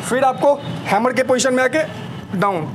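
Filmed on an outdoor rooftop terrace with street sounds and vehicles behind him, a young trainer coaches a home workout. His high voice delivers brisk, energetic cues, with lots of counting and repeated calls of "slowly slowly" in a noisy recording.

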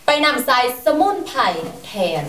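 A woman's voice: unhurried, fairly bright tone, reverberant, far from the mic, a little hiss or hum, close to an everyday voice. A woman playing an eager female staffer who explains a sales plan in a stage comedy sketch. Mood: earnest. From Laos.

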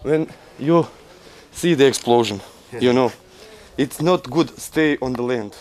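Slow-talking young soldier, broken English. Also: male voice, mid-range voice, a little mellow. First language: not English. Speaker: soldier guiding a journalist. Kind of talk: informal explanation in broken English. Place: outdoors in a garden during field filming.

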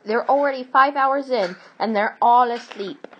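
Animated woman telling a made-up story. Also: fairly high pitch, normal speed, dull audio, a little hiss or hum. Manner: animated, with restarts and sound effects. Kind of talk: improvised storybook reading.

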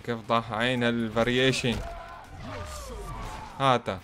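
A man commentating his own fighting-game match, excitable and teasing his opponent as he plays. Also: mid-range voice, normal speed, faint music behind. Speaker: gaming channel host. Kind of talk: gameplay commentary.

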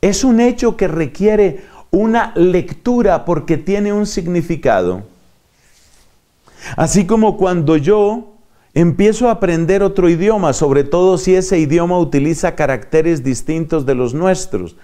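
Male preacher, teaching sermon, mellow voice, lively swinging pitch, acts out little dialogues. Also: a little slow. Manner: didactic, acts out little dialogues and asks rhetorical questions.

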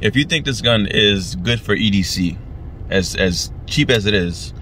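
Young male vlogger, deepish voice, cold and halting, informal talk from a car seat, slight background noise. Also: animated, bright, forceful tone. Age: young adult. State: chilled by the cold. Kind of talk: casual chat to camera. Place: inside a parked car.

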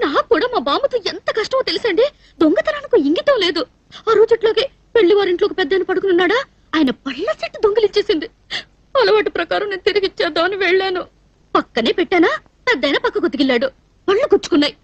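A naive, lovestruck young woman in a film comedy, pleading and tearful. Her voice is very high and quick, on slightly dull, dry film audio. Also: expressive, no room sound. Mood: plaintive. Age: young adult. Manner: plaintive, pleading, given to comic tears. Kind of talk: Telugu film comedy dialogue.

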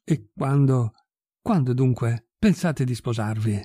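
A man voicing a fussy, effusive older society lady in a read-aloud story, with a dark, husky voice. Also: medium pitch, huge pitch swings, a little slow, dry recording, studio quality, exaggerated voice. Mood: gushing. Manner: effusive and fussy, turning cold and solemn.

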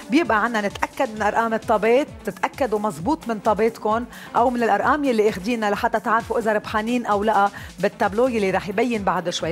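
A woman with a Lebanese accent hosting a live TV lottery show in a chatty way from a studio. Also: on the high side. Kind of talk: live TV presenting. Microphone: headset.

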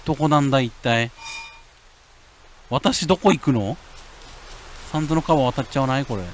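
A man giving lively let's-play commentary on a horror game, muttering to himself and then yelling at scares. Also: moderate pace, a little hiss or hum. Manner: animated, jumps from low mutters to yelps and shouts. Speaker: game streamer.

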